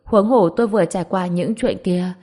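Female audiobook narrator, first person, steady read, slightly low voice. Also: a little fast.

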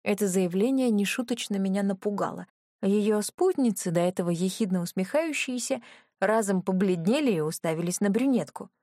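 A woman narrating a first-person audiobook story in a calm, even way with a touch of sarcasm. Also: medium pitch, moderate pace, no room sound, studio quality.

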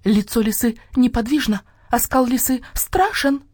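A woman's voice: unhurried, husky, dry recording, clean studio sound. A woman doing shrieking, chanting barnyard hens. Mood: shrill chant. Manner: chanting, shrill and loud. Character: shrieking flock of hens and a rooster.

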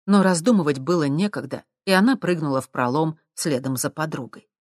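An audiobook narrator reading in a steady, even storytelling manner. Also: mid-range voice, a little fast, no room sound, studio quality.

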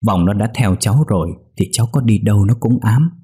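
A man's voice: on the low side, dark tone, slightly rough. A man voicing a grave, sorrowful old man. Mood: somber. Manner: slow, heavy, somber.

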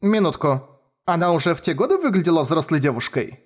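A man's voice: on the high side, very animated, brisk, pitched above the performer's own voice. A man voicing a blunt, grumpy young woman journalist with a sardonic manner. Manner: gruff, sardonic.

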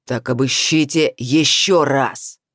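A man's voice: mid-range voice, fairly even intonation, slow, no room sound, studio quality. A man voicing a furious dragon lord. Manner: shouting orders. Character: imperious male dragon lord, angry.

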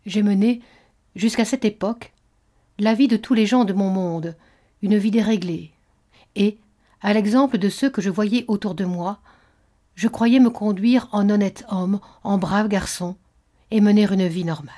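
A woman's voice: medium pitch, measured pace, dark tone, close to an everyday voice. A woman reading the lines of a bitter, tormented middle-aged nobleman in an audiobook of a novel, speaking as an intense, brooding confession.

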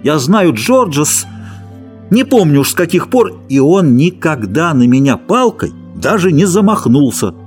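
A man's voice: a little high, lively intonation, moderate pace, dark tone, soft background music, voice pushed up, close to an everyday voice. Man playing a childlike pleading big man. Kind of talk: audiobook character voice.

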